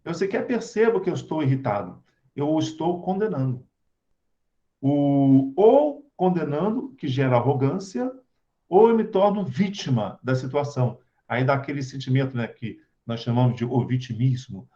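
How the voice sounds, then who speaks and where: A man's voice: mid-range voice, expressive, normal speed, warm tone. A man giving a conversational spiritual talk, asking his audience rhetorical questions. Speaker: spiritual lecturer. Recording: dull lo-fi recording.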